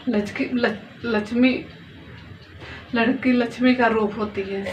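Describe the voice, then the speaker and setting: Faint noise and a distant, dull lo-fi phone recording carry this woman's emotional testimony to camera. She's in her thirties with two daughters, and her slightly high, somewhat bright voice pleads earnestly as she tells her story, repeating phrases.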